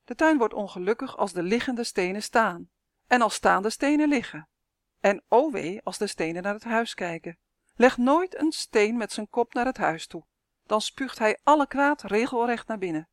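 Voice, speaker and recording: A woman voicing a calm, patient old gardener who explains things unhurriedly in a storybook reading. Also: fairly high pitch, normal speed, no echo, clean studio sound, voice pushed up, natural voice.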